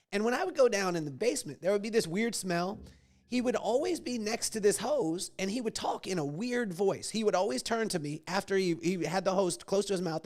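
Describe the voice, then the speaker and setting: A man hosting a podcast interview, talking loosely, telling stories and restarting his questions. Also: high voice. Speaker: podcast host. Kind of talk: casual interview chat.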